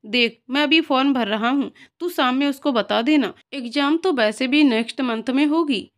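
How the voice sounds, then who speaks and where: A woman's voice: high-pitched, normal speed, natural voice. A woman reading as a teasing young male cousin. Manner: joking, breezy.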